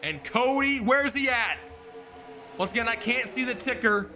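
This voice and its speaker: A high, bright-voiced man calls a sim race with excitable play-by-play energy. He exclaims often and runs breathless in the busy stretches, while faint music plays underneath. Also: moderate pace. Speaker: race commentator. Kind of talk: sim racing play-by-play commentary.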